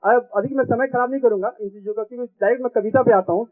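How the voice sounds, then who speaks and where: A man's voice: very high voice, fairly even intonation, racing. A man performing a comic poem on stage, repeating each verse line twice for effect, on a tinny recording. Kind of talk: comic poetry recitation. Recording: tinny phone-like sound.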